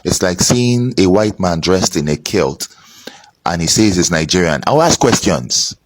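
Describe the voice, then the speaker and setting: A man's voice: low-pitched, expressive, a little slow. A young man bluntly scolding his audience on camera indoors, using an earphone mic. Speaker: commentator. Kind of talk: opinionated rant to camera. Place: indoors, small room. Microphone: wired earphone mic.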